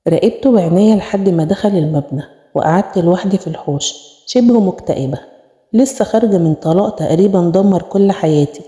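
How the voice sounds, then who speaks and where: Brisk Egyptian woman telling a horror story. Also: fairly low pitch, mellow. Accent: Egyptian Arabic. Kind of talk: first-person horror story narration. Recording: echoey room with long reverb.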